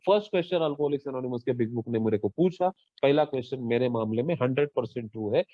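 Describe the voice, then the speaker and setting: A man's voice: fast talker, no room sound. Earnest man in his thirties, recovery share over an online call; dull, dry, lo-fi sound. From India. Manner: earnest, mixes Hindi with English phrases; rhetorical questions, lively pitch swings. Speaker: AA member sharing his story. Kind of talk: Twelve Step workshop talk.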